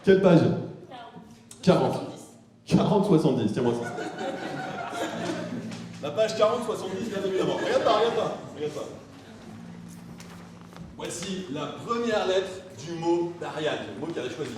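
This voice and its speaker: A man on stage doing crowd work during a comedy mind-reading act, ribbing audience members with quick jokes. His voice sits fairly high, and it rings out through a very echoey hall from a handheld mic. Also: animated, background noise. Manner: teasing, joking, quick-witted crowd work. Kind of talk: live stage banter with the audience. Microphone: handheld microphone.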